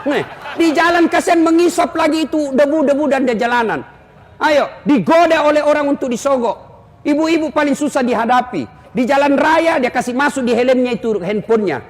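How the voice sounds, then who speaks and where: A man preaching a humorous sermon to a crowd, joking and animated and breaking into shouts. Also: very high voice, a little fast, big-room sound.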